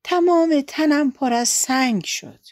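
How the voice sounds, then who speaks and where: A woman voicing a small, tired dove that speaks softly and plaintively. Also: high-pitched, expressive, no echo, clean studio sound, voice pushed up.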